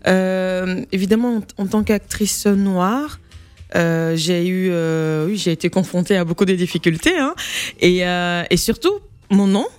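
A woman actress telling her story in a casual interview, lively and quick to laugh. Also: lowish voice, smooth, no echo, faint music behind. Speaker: actress guest.

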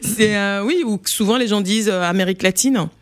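A woman actress telling her story in a casual interview, lively and quick to laugh. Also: mid-range voice. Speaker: actress guest.

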